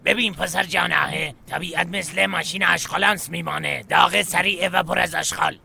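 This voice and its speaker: A gravelly, sharp bearded advisor. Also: male voice, sits high, fairly even intonation, slight background noise, exaggerated voice. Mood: lecturing. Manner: offhand, dismissive. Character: bearded older man, offhand advisor. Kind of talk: dubbed cartoon acting.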